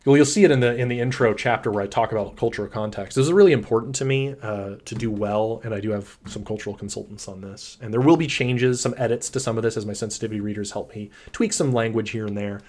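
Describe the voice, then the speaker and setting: A man who designs tabletop games, chatting casually through a livestream Q&A with frequent ums and a relaxed, rambling manner. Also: fairly low pitch. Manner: enthusiastic about his characters.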